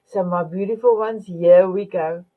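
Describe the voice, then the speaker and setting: A woman speaks slowly and deliberately as a talk show host, offering motivational encouragement. She repeats endearments and sometimes searches for an English word. Her voice comes through a narrow, phone-like line. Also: on the low side, steady tone, slight background noise. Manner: warm, repetitive terms of endearment, searching for English words. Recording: phone-line quality audio.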